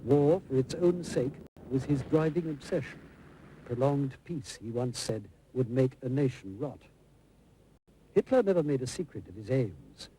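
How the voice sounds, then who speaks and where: A man's voice: medium pitch, expressive, unhurried, mellow, slight background noise, poor audio. A man reading scripted narration for a historical television documentary. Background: prominent music.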